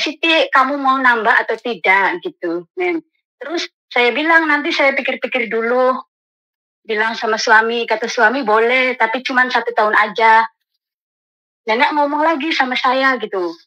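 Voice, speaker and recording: An Indonesian woman calling in to tell her story as a domestic worker, animated and acting out the people she quotes. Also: fairly high pitch, low-quality recording. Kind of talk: phone-in story told to an advice host.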